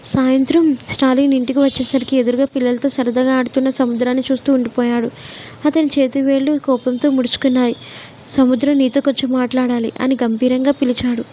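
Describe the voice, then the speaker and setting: A woman reads a story aloud in a steady, even narration. Her voice sits fairly high and sounds mellow. Her pitch moves very little. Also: quick pace, slight background noise. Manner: steady, even-toned reading.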